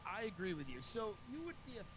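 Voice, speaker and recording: A man's voice: sits high, very animated, fast talker, noisy background. A man hosting casual comedic banter, teasing and jumping in with questions. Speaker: podcast host.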